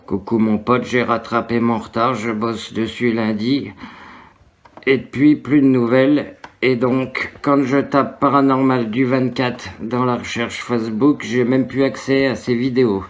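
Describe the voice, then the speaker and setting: A man's voice: mid-range voice, fairly even intonation, unhurried. A man recounting in a matter-of-fact way and warning others.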